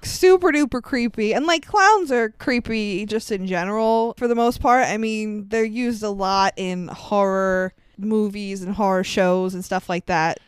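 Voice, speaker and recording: A woman's voice: medium pitch, unhurried, hardly any pauses, clean tone, dry recording. A young woman co-hosting a casual movie review podcast, laughing often and talking with animation. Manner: laughs often, animated, bursts into silly put-on voices. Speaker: podcast co-host.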